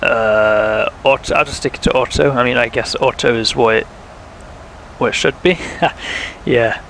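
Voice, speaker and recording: A man's voice: medium pitch, unhurried, a bit bright, a little hiss or hum, low-quality recording. A young man, chatting casually while streaming a flight sim, thinking aloud and talking to viewers, with a sore throat. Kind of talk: casual live-stream commentary.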